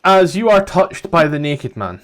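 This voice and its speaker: A man's voice: on the high side, sing-song, unhurried, fairly bright tone. A man running a tabletop game as game master, narrating casually with joking, profane asides. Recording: music playing behind. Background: background music.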